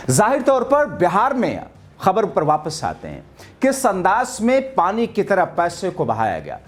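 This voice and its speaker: A man hosting a political commentary show, combative and sarcastic, firing rhetorical questions at his viewers. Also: a little high.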